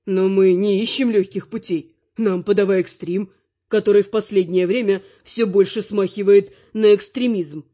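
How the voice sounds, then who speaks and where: A woman voicing a spry, sharp-tongued, bossy old grandmother in a brisk, scolding way. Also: mid-range voice, fairly even intonation, natural voice. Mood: sly. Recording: muffled lo-fi recording.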